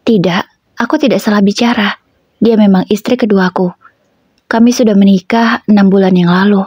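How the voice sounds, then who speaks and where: A woman's voice: medium pitch, steady tone, normal speed, darkish tone, breathy edge, dry recording, dull audio, natural voice. A woman voicing a pleading, defensive unfaithful husband in a spoken story. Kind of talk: storytelling, acted dialogue.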